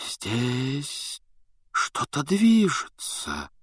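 A man voicing a dreamy, sing-song female divination teacher in a slow, drawn-out croon. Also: medium pitch, no room sound, studio quality, pitched above the performer's own voice, natural voice. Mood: eerie whisper.

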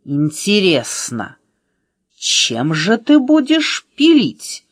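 Woman voicing a young storybook girl, clever, quick-tempered, high pitched, lively. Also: husky, no echo, studio quality, exaggerated voice. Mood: sly. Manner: high, excited, sometimes mocking.

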